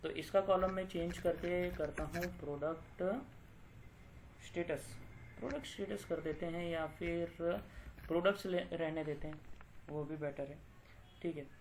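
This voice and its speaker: A man with a fairly high voice walks through a software tutorial, thinking aloud as he clicks. He often pauses with fillers and corrects himself mid-sentence. A faint hiss runs under the recording. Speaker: data analytics tutor.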